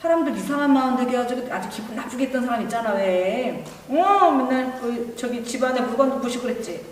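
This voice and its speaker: A woman voicing an excited, gossipy village woman who exclaims and chatters as a storyteller's character. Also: on the high side, quick pace, a little hiss or hum, natural voice. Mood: gossipy, marveling. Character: excited gossipy Indian villager woman marveling at changed neighbours. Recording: echoey hall, distant microphone.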